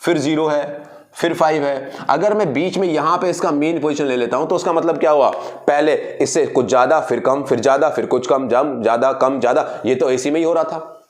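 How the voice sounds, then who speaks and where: Man teaching physics in a higher voice. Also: a little fast. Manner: explains by asking and answering his own questions, repeating key words; addresses students directly, mixing in English phrases. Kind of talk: classroom physics lecture.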